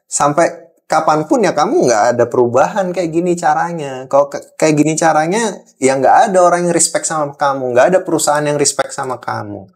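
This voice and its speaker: A man's voice: on the high side, expressive, brisk. A man from Java playing an angry boss who scolds and lectures a young employee in a role-played monologue, repeating points for emphasis. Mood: stern, scolding.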